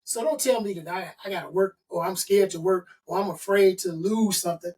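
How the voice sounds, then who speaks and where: This is an interview with a middle-aged consultant and author from Chicago, USA, who speaks emphatically and motivationally, piling his points into lists. His voice is high-pitched, a little mellow, and fairly quick, and the mic sits at a distance.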